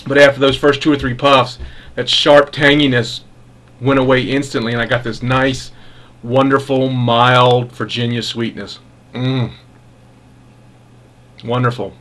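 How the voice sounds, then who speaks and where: A man giving a casual product review as a pipe tobacco reviewer, musing in an unhurried, halting way with savoring enthusiasm. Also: medium pitch, level tone, fairly bright tone.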